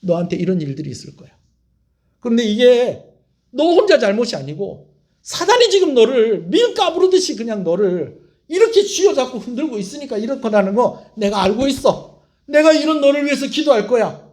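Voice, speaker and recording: A man's voice: sits high, big pitch swings, measured pace, pauses often, full character voice. A man acting out Jesus during a sermon, speaking tenderly and intimately to a troubled disciple. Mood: pleading. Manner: tender, intimate, speaking softly to one person. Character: Jesus, a gentle grown man comforting his disciple. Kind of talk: sermon with acted retelling.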